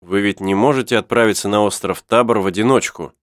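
A man reading the part of a calm engineer who leads the colonists, speaking in a measured, cautioning way. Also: lowish voice, no room sound, clean studio sound, close to an everyday voice. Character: calm, reasoned male engineer leader.

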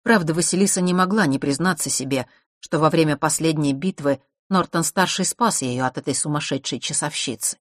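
A woman narrating a storybook in a measured, even reading voice. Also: sits low, dry recording, clean studio sound. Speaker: audiobook narrator.

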